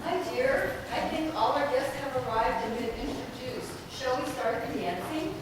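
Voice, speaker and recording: A woman's voice: high voice, expressive, moderate pace. A woman playing a cheerful, bossy middle-aged hostess who pairs off dance partners, acting on a stage. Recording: echoey hall, far from mic, noisy.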